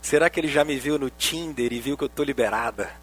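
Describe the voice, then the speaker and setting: A man's voice: medium pitch, fast, fairly bright tone, a little hiss or hum, pitched below the performer's own voice, lightly acted. A man preaching, voicing a blunt Samaritan woman who talks back. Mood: wondering. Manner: brash, talking back.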